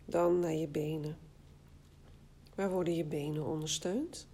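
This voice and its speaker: A woman guiding a body scan relaxation exercise, speaking calmly and soothingly in short phrases with long pauses. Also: sits low, husky. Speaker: guided meditation instructor.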